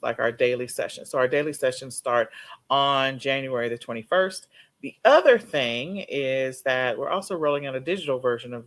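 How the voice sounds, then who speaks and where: A man co-hosting a casual live stream, talking in a relaxed way with pauses and fillers. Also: mid-range voice. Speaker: co-host of a live seller stream.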